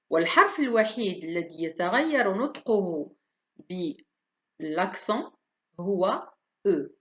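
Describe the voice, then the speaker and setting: A woman teaching a French lesson, spelling out every example with slow, careful dictation. Her voice sits at an ordinary middle pitch. The recording is dull and a little lo-fi. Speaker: language teacher.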